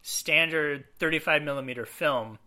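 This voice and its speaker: Brief: male podcast co-host, very bright tone, loose chatty delivery with fillers. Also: fairly high pitch, moderate pace. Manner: relaxed, lots of fillers, acts out quotes. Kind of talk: casual film discussion.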